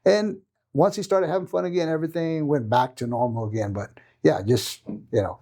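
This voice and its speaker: Mellow-voiced middle-aged coach. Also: male voice, fairly high pitch, normal speed. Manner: rambling anecdote with many tag questions. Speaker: jiu-jitsu coach and father. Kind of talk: storytelling in a podcast interview.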